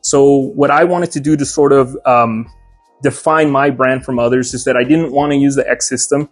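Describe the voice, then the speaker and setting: A man's voice: mid-range voice, fairly even intonation, moderate pace, faint music behind. A young man who owns a hat shop, talking casually in an interview and explaining his craft step by step with lots of "uh"s. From Mexico. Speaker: hat maker and shop owner.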